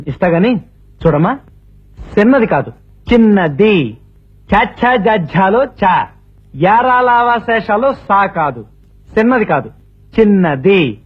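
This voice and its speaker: A man's voice: sits high, big pitch swings, takes it slowly, long pauses, slightly rough, heavily acted. An actor playing a young man who keeps correcting people's pronunciation in a film scene. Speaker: film character. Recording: tinny old film soundtrack with music.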